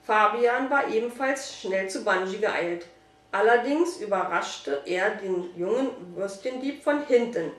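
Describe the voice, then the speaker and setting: A woman narrating a children's storybook aloud in a steady, even reading voice. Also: medium pitch, unhurried. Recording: roomy, distant mic.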